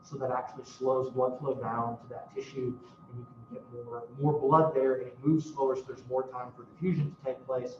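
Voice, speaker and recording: A man's voice: mid-range voice, little pitch movement, moderate pace, a little mellow, slight background noise. Casual, cursing male lecturer in a roomy classroom. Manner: casual, profane, self-mocking teaching. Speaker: university lecturer. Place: university classroom. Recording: roomy, distant, dull classroom recording.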